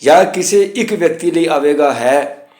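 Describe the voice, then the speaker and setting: A man teaching correct pronunciation of scripture, reciting verses slowly and then explaining the grammar point by point. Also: on the high side, expressive, a little mellow, echoey room.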